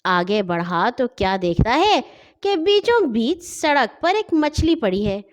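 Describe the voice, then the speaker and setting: A woman narrates a funny children's story in an expressive, animated way. Her voice is fairly high and swings widely in pitch.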